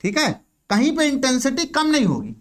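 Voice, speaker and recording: Lecturing in Hindi at the blackboard, a male physics teacher asks questions and answers them on his own, repeating the key terms and frequently saying "ठीक है." His voice is extremely high, with huge pitch swings, at normal speed.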